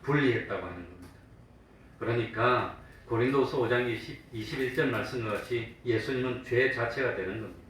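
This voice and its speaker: A man's voice: medium pitch, fairly quick, a bit bright. A male pastor preaching a sermon in a church, asking his congregation questions and answering them himself, and sometimes acting out mocking voices. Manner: acts out the mockers in a raised, taunting voice. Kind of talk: sermon with call-and-response questions. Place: church sanctuary. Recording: very echoey room from a distance, faint hum.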